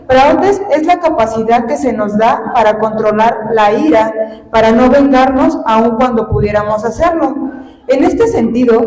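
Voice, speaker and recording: A woman with a high voice teaches a church Bible class. She works through her points, repeats them and asks her listeners if they follow. The room rings with a long, echoing reverb. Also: mellow. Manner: spells out words letter by letter. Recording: echoey hall.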